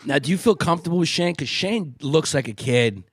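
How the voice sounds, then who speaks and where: A man's voice: on the high side, lively intonation, a little fast, breathy edge, no echo, clean studio sound. A man co-hosting a comedy podcast, teasing and ribbing the others in casual chat. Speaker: podcast co-host.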